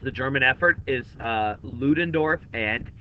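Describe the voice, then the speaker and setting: A man's voice: medium pitch, measured pace, muffled recording, slight background noise. A man teaching a history lesson in a conversational lecture style, speaking straight to his students. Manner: conversational, addresses students directly. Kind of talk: classroom lecture.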